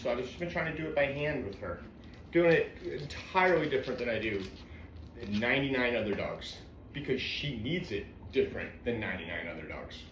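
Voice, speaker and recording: A man working as a dog trainer, calmly explaining a training session to viewers between soft coaxing praise for the dog. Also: medium pitch, echoey room, a little hiss or hum. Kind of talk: narrating a training session to camera. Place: indoor room with a dog.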